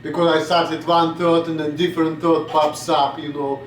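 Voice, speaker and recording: A Russian man in his late twenties rambles bluntly in a casual vlog, drifting off topic and swearing now and then in a Russian accent. His fairly high voice is level and normal in speed, recorded at low quality on a distant mic with roomy sound and slight background noise.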